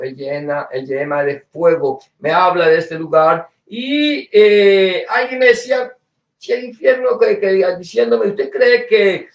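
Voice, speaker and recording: A man preaching a sermon, often stumbling and repeating words, swinging between loud emphasis and quiet asides. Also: a little high. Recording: echoey, distant, dull-sounding mic.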